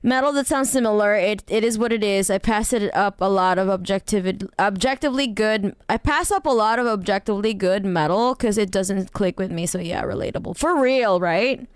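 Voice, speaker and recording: A woman's voice: mid-range voice, moderate pace, hardly any pauses, clean tone, no room sound, studio quality. A woman streamer rambling in casual chat with her viewers, laughing often and swearing casually.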